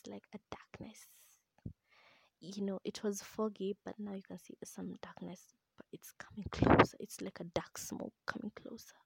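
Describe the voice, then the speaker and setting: A woman's voice: mid-range voice, vocal fry, a little mellow, slightly rough, dry recording. A young woman retelling a book in a casual, chatty ASMR whisper close to the mic, throwing in asides and swearing.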